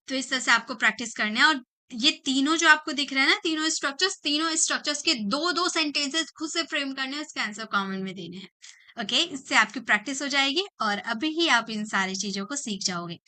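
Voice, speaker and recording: Woman, grammar lesson, patient repetition, high pitch, very bright tone. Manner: explains patiently, repeats each example sentence slowly. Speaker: English teacher. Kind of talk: spoken English grammar lesson.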